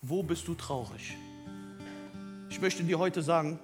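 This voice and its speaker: A man preaching a sermon, dropping to hushed near-whispers and rising to loud, emphatic questions. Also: on the high side, unhurried. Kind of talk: sermon with soft piano. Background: soft instrumental music.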